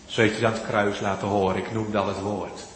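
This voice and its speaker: A man preaching a sermon, swinging between loud, pleading appeals and hushed, almost whispered lines. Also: fairly low pitch, level tone, a little fast, slight background noise. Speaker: pastor. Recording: echoey church hall, long reverb.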